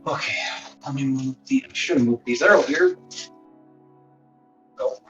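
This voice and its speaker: A man's voice: mid-range voice, lively intonation, a little slow, recorded from a distance, dull audio. A man chatting casually on a live stream, rambling, swearing and mocking himself, heard through a phone mic with a boxy speakerphone sound, as if inside a box. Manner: rambling, swearing, self-mocking, often muttering under his breath. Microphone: phone used as a wireless webcam mic. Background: faint background music.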